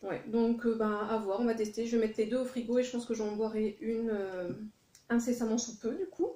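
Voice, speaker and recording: A woman's voice: on the high side, steady tone, fairly quick, dark tone. A woman chatting casually through a shopping haul, with many fillers and self-corrections. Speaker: vlogger. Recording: echoey room.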